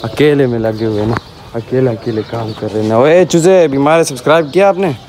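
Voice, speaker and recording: A man's voice: medium pitch, normal speed, darkish tone. A young man in his twenties chatting casually to his viewers while he gives a tour of a house and yard. He keeps tagging "na" onto his sentences as he points things out. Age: 20s. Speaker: vlogger. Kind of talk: casual home-tour vlog. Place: outdoors on a rooftop and a village yard. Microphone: phone held at arm's length. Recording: outdoor background noise with birds.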